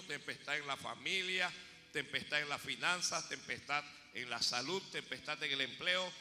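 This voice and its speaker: A man pastor preaching a sermon, rising to shouts and dropping to quiet asides. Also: fairly high pitch, big-room sound.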